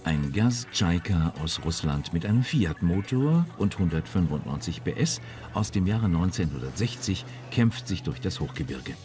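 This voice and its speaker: A very deep male voice reads a polished documentary script, his pitch rising and falling with lively emphasis. He sounds measured and informative, with music running clearly beneath him. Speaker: narrator. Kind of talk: scripted magazine narration.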